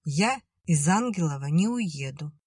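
An audiobook reader voicing a stubborn, honest young girl, raising the pitch in a plaintive way. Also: animated, measured pace, husky, dry recording, clean studio sound. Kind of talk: audiobook character reading.

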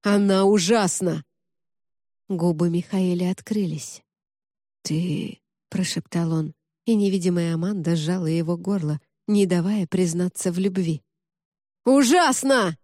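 A woman narrating a dark fantasy audiobook in a measured, dramatic manner, close to the mic. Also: lowish voice, fairly even intonation, no echo.

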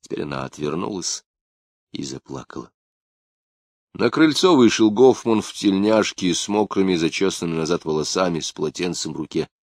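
Deep-voiced male audiobook narrator. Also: lively intonation, moderate pace, a little mellow, no room sound, clean studio sound. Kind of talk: scripted narration.

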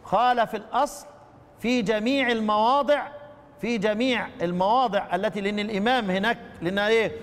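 A man with an Egyptian Arabic accent leads a lesson, his voice sitting high for a man. He keeps questioning his listeners and repeats phrases as he goes. The sound rings out with a long reverb, like a large hall. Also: steady tone, a little fast, fairly bright tone. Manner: quizzes the class and counts items aloud; repeats phrases while teaching. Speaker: teacher of Quran recitation. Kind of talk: classroom lesson explaining a text.

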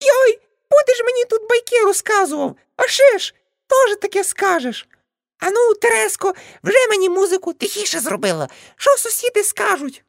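Brief: older shrill aunt, shrieking high scolding, dry close read, audiobook. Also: female voice, very animated, normal speed, vocal fry, no echo, exaggerated voice.

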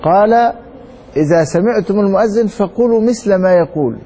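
A man with an Egyptian Arabic accent teaching a religious lesson, reading a text slowly and then explaining it with rhetorical questions to his students. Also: high voice, warm tone, a little hiss or hum. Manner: reads a text slowly, then comments quickly. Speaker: sheikh teaching Maliki law.

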